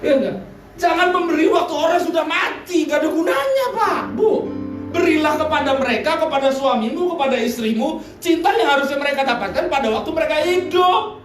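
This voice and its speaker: Animated male pastor preaching in echoey hall. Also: extremely high pitch, fairly quick. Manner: animated storytelling, mimics voices, blunt slang asides. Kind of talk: sermon. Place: church service in a hotel hall. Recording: echoey hall, mic distant, music faint.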